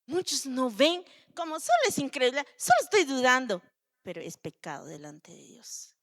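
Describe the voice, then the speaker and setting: A woman preacher giving a sermon at a church vigil, animated and speaking directly to the congregation. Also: high voice, moderate pace. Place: church service.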